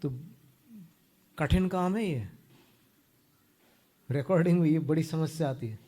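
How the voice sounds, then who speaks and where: A man teaching careful pronunciation of a Sanskrit hymn, explaining sounds patiently and chanting the verse lines slowly into a close microphone. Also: fairly high pitch, mellow.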